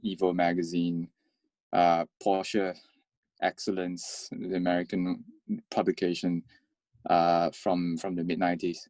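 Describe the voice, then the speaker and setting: Low-voiced man from Malaysia. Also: completely flat delivery, darkish tone, no echo. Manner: halting, repeats words while talking. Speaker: guest. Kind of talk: casual interview conversation.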